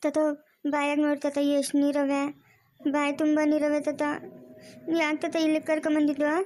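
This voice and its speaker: A woman with a rural Chikkaballapur Kannada accent plays a distressed daughter who pleads with her family. Her voice is high and mellow, her pitch stays flat, and she talks fast. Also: no echo. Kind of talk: village web-series acting.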